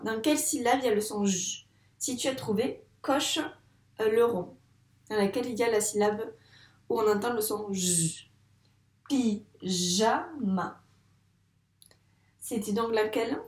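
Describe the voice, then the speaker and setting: A woman's voice: on the high side, darkish tone. A woman teaching a phonics lesson to a young child, speaking patiently and stretching words out syllable by syllable. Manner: patient, slow, drawn-out syllables. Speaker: first-grade teacher. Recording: roomy echo.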